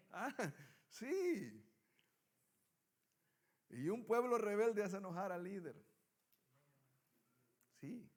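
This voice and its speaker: A man teaching a Bible study class, reading scripture aloud and putting questions to his students. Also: high-pitched.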